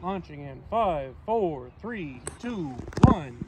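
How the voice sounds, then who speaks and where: A man calling out launch countdowns at an outdoor model rocket field. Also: a little high. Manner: steady, drawn-out counting. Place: open grassy field outdoors. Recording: loud wind noise, off-mic.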